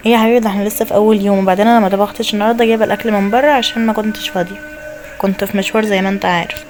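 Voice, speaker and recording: A woman with an Egyptian Arabic accent voicing a busy mother who bosses her family around, brisk and scolding, in a home-made animated story. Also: medium pitch, slight background noise, close to an everyday voice. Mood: explaining.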